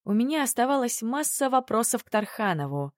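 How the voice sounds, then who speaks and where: A woman narrating a first-person novel in an expressive reading voice. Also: a little high, fairly quick, no echo, studio quality. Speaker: audiobook narrator.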